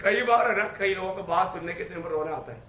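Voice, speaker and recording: High-voiced preacher shouting in an echoey hall. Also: male voice, fast. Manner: animated, calls out to the congregation, voice rising to shouts. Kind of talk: sermon. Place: church hall with congregation.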